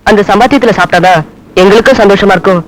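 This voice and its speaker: An actor playing a proud young worker speaking earnestly. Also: male voice, sits high, racing, close to an everyday voice. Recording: noisy film soundtrack.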